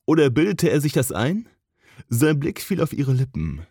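Romance audiobook narrator: expressive, slightly husky, very dry close recording. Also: mid-range voice, no echo. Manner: emotive, lingering pauses.

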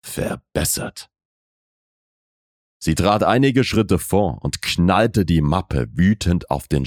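A man narrating a romance audiobook in a measured, intimate way. His voice is extremely deep and unhurried. The sound is close and dry. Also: vocal fry, no room sound. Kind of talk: scripted narration of a romance novel.

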